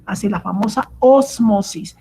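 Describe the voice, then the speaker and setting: A woman's voice: mid-range voice, a little slow, dark tone, low-quality recording. A woman giving an online cooking lecture, explaining step by step and often checking in with the class. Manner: explanatory, keeps asking "¿correcto?" and "¿no?"; many fillers and restarts. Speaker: culinary instructor.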